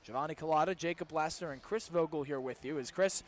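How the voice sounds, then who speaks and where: A young adult student broadcaster calls baseball play-by-play on live radio from a broadcast position at an outdoor ballpark. He's high-pitched and fast, with crisp, descriptive calls that swell into excitement on big plays.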